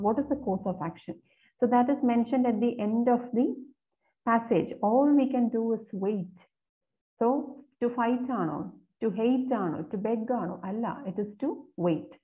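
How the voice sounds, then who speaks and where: Woman tutor going thru exam questions, reads slow then explains fast, sounds like over a phone. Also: on the high side, narrow, tinny audio. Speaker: exam coaching teacher. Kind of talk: explaining exam questions, mixing Malayalam and English.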